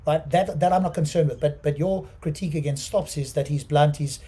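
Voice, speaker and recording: Husky, mellow man reasoning insistently. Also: on the high side, fairly quick. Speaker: co-host. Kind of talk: debate discussion.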